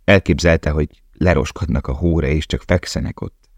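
A man reads a novel aloud in a steady, measured way. His voice is extremely low. The recording is close and dry, with no room sound. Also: no echo. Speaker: audiobook narrator. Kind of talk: scripted narration.

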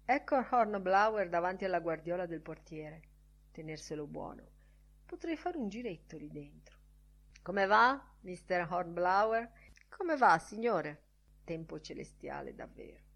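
A woman reading a literary audiobook aloud in a musing, expressive way. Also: lowish voice. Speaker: audiobook reader.

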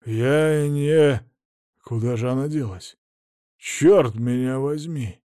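A man voicing a drunk, frantic middle-aged millionaire who shouts and blusters in agitation. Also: mid-range voice, takes it slowly, no echo, studio quality, lightly acted. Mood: bewildered.

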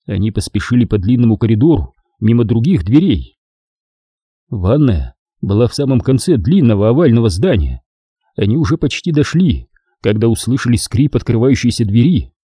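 Husky, expressive male audiobook narrator. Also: medium pitch, normal speed, no room sound, studio quality. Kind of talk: scripted narration.

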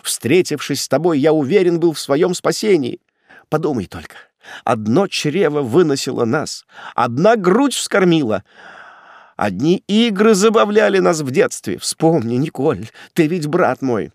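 A man voicing a terrified male prisoner, a fallen judge who begs for his life in a shrill, panicky voice. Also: lively intonation, moderate pace, darkish tone, no echo, clean studio sound. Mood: pleading. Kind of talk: audiobook character voice.

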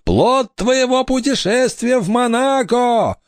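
A man's voice: very high voice, lively intonation, dry recording, studio quality, voice pushed up, exaggerated voice. A man voicing a bold, cunning young girl who drags her words out in an eerie ghostly wail. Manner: drawn-out, eerie wailing. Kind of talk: audiobook character voice.

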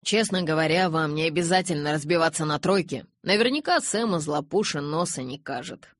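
Woman doing a cheeky werewolf dude, low voice, teasing and sarcastic, dry sound. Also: brisk, dry recording. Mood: casual. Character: cocky, mocking young werewolf man. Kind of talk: audiobook character voice.

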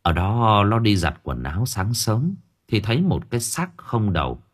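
A man narrating a novel as an audiobook in expressive storytelling style. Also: on the low side, normal speed, breathy edge.

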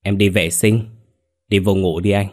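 A male storyteller voicing a sinister young wife, giving curt, flat commands. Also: low-pitched, unhurried. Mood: cold.

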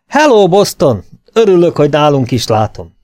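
A friendly old colonel, voiced by a male storyteller, speaks cordially and persuasively. His voice sits a little higher than the narration. The tone stays mellow and warm. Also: big pitch swings, faint music behind.

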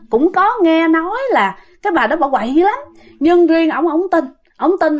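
A woman telling a ghost story in a chatty way, addressing her listeners directly. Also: high voice. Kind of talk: casual ghost story narration.

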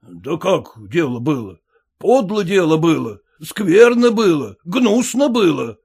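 A man's voice: a little high, expressive, unhurried. A man doing a blustering, outraged father. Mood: indignant outrage. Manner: exclamatory, shouting in outrage. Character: irate middle-aged father, blustering and indignant.

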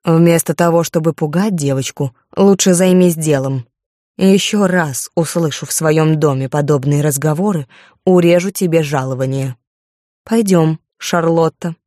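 A woman's voice: low voice, a little slow, mellow, no echo, clean studio sound. A woman voicing a stern, haughty aristocratic viscountess who speaks in a cold, clipped, commanding way. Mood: severe.

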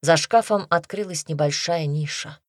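Woman audiobook narrator, low voice, dry close sound, measured reading. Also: dry recording. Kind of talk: scripted narration.

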